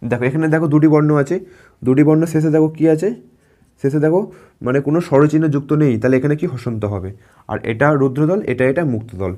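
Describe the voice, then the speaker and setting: A man's voice: on the high side, mellow. A man teaching a grammar class in a patient, repetitive way. He stretches words out syllable by syllable and keeps checking whether his students have understood. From West Bengal. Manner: patient, repeats words and asks students questions; drawn-out syllable-by-syllable pronunciation. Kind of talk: grammar lesson.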